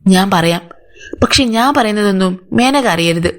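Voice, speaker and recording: A woman's voice: medium pitch, animated, moderate pace, lightly acted. A woman voicing an older housemaid who gives anxious, defensive answers to police. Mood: confiding. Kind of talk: audiobook character voice.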